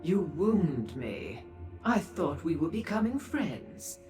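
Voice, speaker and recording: Madam Wim, low, theatrical flirt. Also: female voice, big pitch swings. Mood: coy, effusive. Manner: gushing, coy, drawn-out endearments. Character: flirtatious, theatrical female proprietor of a pleasure house. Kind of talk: fantasy video game voice acting. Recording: roomy echo with music behind.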